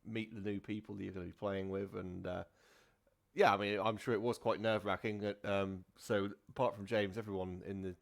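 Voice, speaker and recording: Low-voiced man hosting a podcast. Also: flat delivery, a little fast, gravelly. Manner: rambling, many fillers and restarts. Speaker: podcast host and dungeon master. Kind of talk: casual podcast chat.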